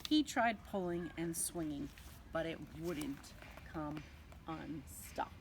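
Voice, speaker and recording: A woman reading a picture book aloud to young children like a nursery teacher, expressively, with dramatic pauses and drawn-out words. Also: low-pitched, lively intonation, noisy background.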